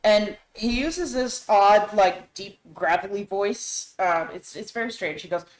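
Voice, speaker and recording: A woman's voice: mid-range voice, a little slow, very noisy. Female co-host, casual commentary, emphatic quote reading; roomy, echoey recording. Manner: reads quotes aloud with animated emphasis. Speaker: podcast co-host. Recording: roomy echo.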